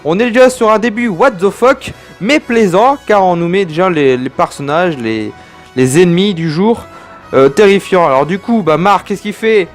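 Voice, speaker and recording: Rambling young Frenchman, slightly high voice. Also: animated, normal speed, faint music behind. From France. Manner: rambling and digressive, chatty asides to viewers. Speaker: anime reviewer. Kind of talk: casual anime review monologue.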